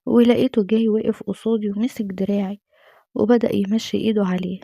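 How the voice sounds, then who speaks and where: A woman's voice: medium pitch, flat delivery, quick pace, vocal fry, mellow, no room sound. A woman with an Egyptian Arabic accent, narrating a dramatic true-life story in the first person with earnest emotion.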